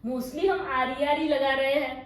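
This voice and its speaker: A woman's voice: high voice, steady tone, measured pace. A woman with a Gujarati accent teaching English grammar, mixing Hindi and English, drawing out her example sentences and often checking "okay?". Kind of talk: classroom-style grammar lesson. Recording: echoey room with faint noise.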